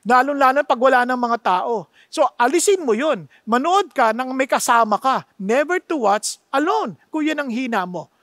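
A man's voice: extremely high pitch, a bit bright, dry recording, studio quality. A man from the Philippines, a pastor preaching a sermon emphatically, with many rhetorical questions and English phrases mixed into his talk. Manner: mixes Tagalog with English phrases.

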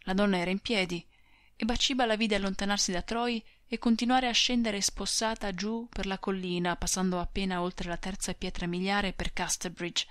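A woman narrating a classic novel as an audiobook reader, in a measured, expressive literary reading. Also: mid-range voice, no room sound. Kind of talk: scripted narration.

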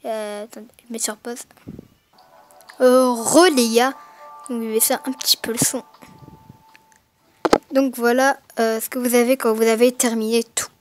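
A woman with a somewhat high voice narrates an unboxing in a loose, casual way. She speaks into a gaming headset mic. Her delivery is hesitant and full of fillers and mid-sentence self-corrections. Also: little pitch movement, a little slow, pauses often, music in the background. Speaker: gaming video maker.

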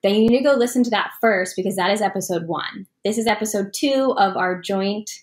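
A woman's voice: mid-range voice, a little fast. A young woman hosting a casual video podcast from a living room, upbeat and gushing, laughing often. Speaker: podcast host.

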